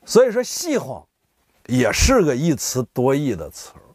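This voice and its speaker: Husky and mid-range, this man speaks at a normal pace with no room sound. He's a vlogger in casual explanatory mode, telling viewers about dialect words and animatedly acting out everyday examples in the voices of regular people.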